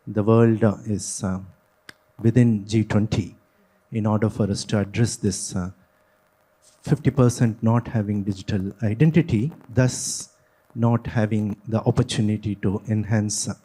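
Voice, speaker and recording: A man in the audience asking the panel a question, soft-spoken and halting. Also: fairly low pitch, steady tone, slightly rough. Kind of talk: question from the floor.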